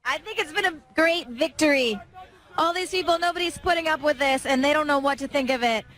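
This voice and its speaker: A high-voiced woman co-hosting a live broadcast outdoors in the cold. She speaks in a plain, blunt, casual way. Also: a little fast, fairly bright tone. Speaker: co-host. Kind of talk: casual commentary.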